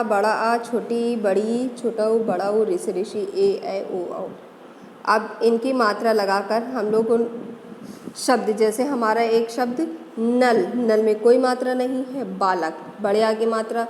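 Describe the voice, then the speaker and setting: Slow, careful woman teaching grammar. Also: a little high, a little mellow, a little hiss or hum. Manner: slow, methodical, spells out letters one by one. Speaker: Hindi teacher. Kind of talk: classroom grammar lesson. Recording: echoey room, long reverb, faint ambience.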